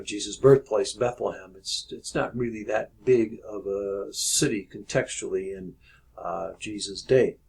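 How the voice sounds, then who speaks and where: A man, a pastor, giving a relaxed video devotion, explaining as he goes with many ums and uhs. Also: lowish voice, breathy edge, poor audio.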